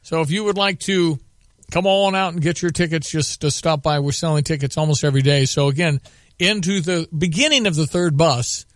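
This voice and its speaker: High-voiced man hosting local radio. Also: brisk, no echo, clean studio sound. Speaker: local sports radio host. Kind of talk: live radio ad reads and announcements.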